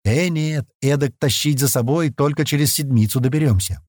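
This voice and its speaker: A man's voice: medium pitch, moderate pace, darkish tone, dry recording, clean studio sound, pitched above the performer's own voice, lightly acted. A man reading an audiobook, voicing a brash, confident young mountain heir who teases his companions.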